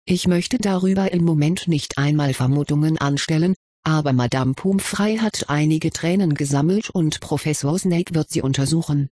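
A reader voicing an old, wise male headmaster wizard who explains things calmly, in an audiobook reading. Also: medium pitch, moderate pace, hardly any pauses, no room sound, close to an everyday voice.

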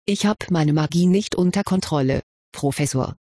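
A reserved teenage wizard boy, as a reader puts him on, gives short, careful answers in an audiobook. The voice is husky and slightly breathy. The sound is close and dry. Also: mid-range voice, moderate pace, warm tone, no room sound, natural voice. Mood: guarded. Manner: curt, cautious answers. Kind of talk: audiobook character reading.

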